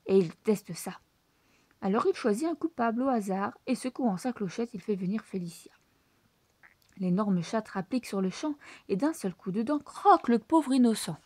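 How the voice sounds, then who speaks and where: A woman reading a children's book aloud in French with lively, expressive storytelling. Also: mid-range voice, normal speed, no echo. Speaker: storybook reader.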